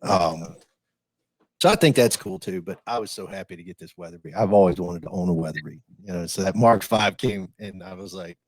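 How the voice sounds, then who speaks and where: A man's voice: deep voice, expressive, fairly quick, creaky. A man co-hosting a podcast, chatting casually in a folksy way, with frequent laughs and repeated words. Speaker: podcast co-host. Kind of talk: casual chat.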